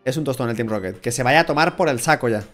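A young man with a Spanish accent commenting on a game with a friend, joking, swearing and shouting at surprises. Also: medium pitch, animated, fast talker. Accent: Spanish from Spain. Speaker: gaming YouTuber. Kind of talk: casual Let's Play commentary with a co-player. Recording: game music behind.

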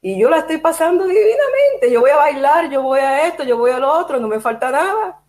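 A woman's voice: high-pitched, a little fast. A woman from Cuba with a Cuban Spanish accent, a guest telling stories in casual chat over a video call. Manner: animated storytelling, quotes herself.

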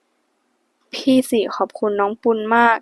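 A woman's voice: slow, no room sound, lightly acted. A woman voicing a young man who is eager to please and pleads politely in an audiobook. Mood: pleading. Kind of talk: audiobook character voice.

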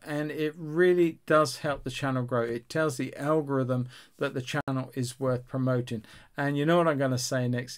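A man in his sixties with a mid-range voice hosts a painting tutorial. He's casual and chatty, speaking straight to viewers with encouraging, instructional guidance.

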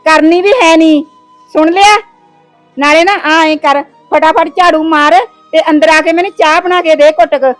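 A woman's voice: sits high, fairly even intonation, normal speed, no echo, soft background music, lightly acted. A woman playing a bossy sister-in-law who scolds and orders people around. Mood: threatening. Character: bossy sister-in-law, sharp-tongued and demanding. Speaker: actor. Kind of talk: village short-film acting.

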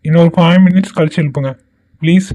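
A man's voice: fairly high pitch, steady tone, quick pace, mellow, natural voice. A man voicing a lazy young college student, whiny and petulant.

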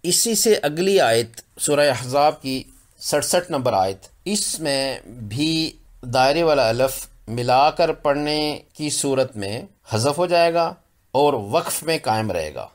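A man from Pakistan teaching Quran recitation rules, repeating example words slowly and carefully. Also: on the high side, expressive. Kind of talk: slow explanatory lesson with recited examples.

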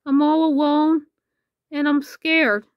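A woman's voice: high-pitched, flat delivery, slow, dry recording, muffled recording. A woman voicing a timid little stray puppy.

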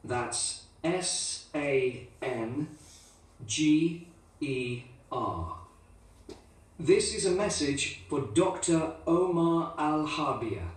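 An actor playing a man leaving a voicemail at a hotel, speaking slowly and spelling out his name letter by letter. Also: on the high side, far from the mic. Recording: echoey coursebook audio from a room speaker.

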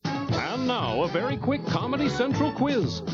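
A man's voice: very high voice, big pitch swings, unhurried. A man narrating a scripted TV channel promo as the announcer. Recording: lo-fi TV promo with loud music.

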